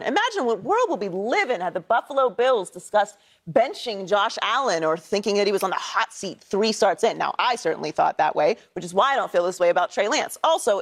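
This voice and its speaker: A woman panelist on a sports talk show speaks in a mid-range voice, laying out her argument calmly and confidently. She backs her points with numbers and a steady, assured manner. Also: mid-range voice. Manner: assured, argues with stats. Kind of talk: sports debate.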